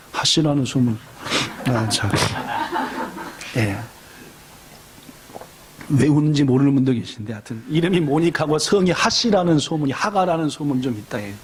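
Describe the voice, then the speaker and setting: A middle-aged male pastor preaching a sermon in a church, telling a story with lively storytelling and acting out the voices of the people in it. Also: a little high, breathy edge. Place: church sanctuary.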